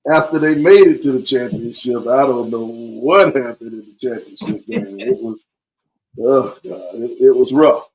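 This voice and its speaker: A man in his forties hosting a podcast, chatting casually, animated and joking, repeating himself often. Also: medium pitch, a little slow, a little hiss or hum, poor audio. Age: 40s. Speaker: podcast host.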